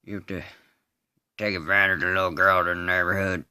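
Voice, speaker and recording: Here an amateur performer delivers a dramatic monologue from a film, portraying a simple-minded rural man who confesses to killing someone and feels no remorse. The low, hard-edged, resonant voice carries a Southern US drawl, moving in flat, halting bits punctuated by grunted hums, its mood flat and matter-of-fact. The recording is smooth and dry, with clean studio sound.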